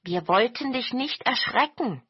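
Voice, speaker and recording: A woman voicing a crowd of eager, flattering horned goblins in a storybook reading, with a high, loud, coaxing manner. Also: unhurried, husky, no echo, muffled recording, heavily acted.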